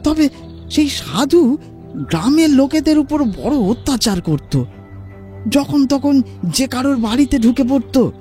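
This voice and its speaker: An actor in an audio horror drama plays an awestruck, anxious villager, recounting troubles in a halting, dramatic way. The voice is high-pitched with a darkish tone.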